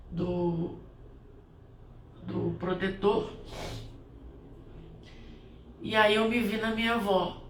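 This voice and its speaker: A woman who performs spiritual blessings shares a heartfelt, rambling reflection at home, restarting her sentences often. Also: mid-range voice. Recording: roomy, distant from the mic, faint ambient noise.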